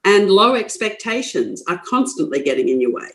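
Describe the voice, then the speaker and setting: A Queensland-born older woman with an Australian accent is a podcast interview guest, speaking her mind bluntly and forthrightly. She laughs easily and often restarts sentences as she thinks aloud, in a medium-pitched, sing-song voice at a moderate pace.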